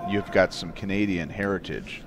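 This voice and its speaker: Deep-voiced, dry-humored male commentator. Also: normal speed, vocal fry, music in the background. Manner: dry joking, asks leading questions. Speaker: play-by-play commentator. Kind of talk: live sports commentary. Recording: noisy venue background.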